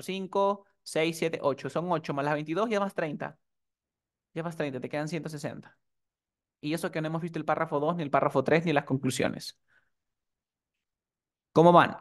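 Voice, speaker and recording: Male English teacher, a little high-pitched, runs a live online class and keeps checking in with students. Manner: asks the class frequent checking questions.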